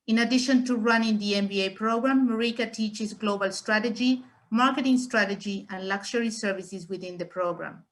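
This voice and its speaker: A woman's voice: mid-range voice, brisk, few pauses. A woman hosting an event, carefully reading a formal introduction of the next speaker. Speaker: event host.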